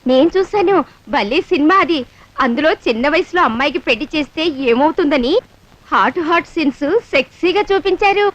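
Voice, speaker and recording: An actress playing an eager, gossipy housewife who gushes about films. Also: female voice, high voice, animated, brisk, a bit bright, no room sound. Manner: eager, gushing. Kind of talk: 1970s film acting. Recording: dull old film soundtrack.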